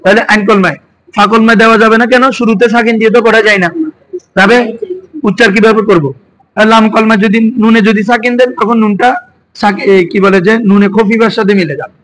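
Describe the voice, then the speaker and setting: Bangladeshi guy teaching a class, highish voice, keeps firing questions at the students. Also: steady tone, fast talker, a bit bright, low-quality recording. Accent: Bangladeshi Bengali. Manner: quizzing students with frequent questions. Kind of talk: classroom lesson.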